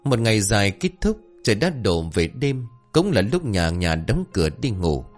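A male storyteller narrates a folk tale. His voice sits on the low side and rises and falls in a lively way. Soft music plays faintly underneath. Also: moderate pace.

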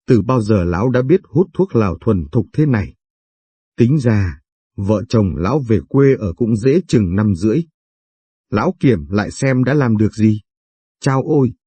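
A man narrates a somber short story in a measured reading voice. His tone is low, dark and slightly husky. The recording is close and dry. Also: no echo.

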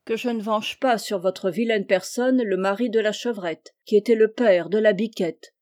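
A woman voicing a polite, noble young peasant hero who speaks in a measured, slightly lofty way. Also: mid-range voice, dark tone, close to an everyday voice.

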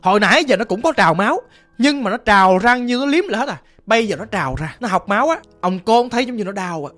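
A woman's voice: medium pitch, expressive, fast talker, a bit bright. A woman telling a ghost story in a chatty, vivid, conversational way, explaining things as she goes. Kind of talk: casual spoken storytelling.

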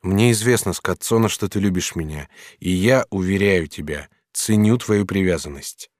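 A man voicing a proud, sly and hot-tempered master artist in an audiobook, speaking firmly and with measured command. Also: low-pitched, dry recording, clean studio sound, natural voice. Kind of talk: audiobook character reading.

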